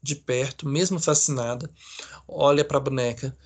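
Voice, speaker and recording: A man's voice: mid-range voice, steady tone, normal speed, a little mellow. A male psychology lecturer with a Brazilian accent, reading a case aloud to an online class in a casual way, full of fillers and check-ins. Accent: Brazilian Portuguese.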